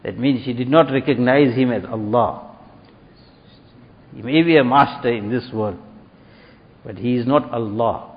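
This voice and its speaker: A man's voice: mid-range voice, a little slow, long pauses. A man preaching a sermon, retelling a story and acting out its dialogue with rising emphasis. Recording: dull lo-fi recording with long hall reverb.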